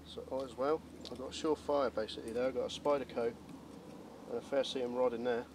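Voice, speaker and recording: A man's voice: medium pitch, steady tone, fast talker. A British man in casual, matter-of-fact conversation outdoors, talking like one bloke to another. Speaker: bushcraft companion. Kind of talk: casual chat. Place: outdoors among undergrowth. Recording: distant mic, clear background noise outdoors.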